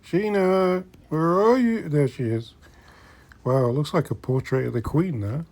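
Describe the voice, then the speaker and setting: A middle-aged man with a voice on the high side, a little mellow and at a measured pace, chats casually to viewers while browsing a secondhand shop. He hosts a vintage collecting vlog and mutters to himself now and then.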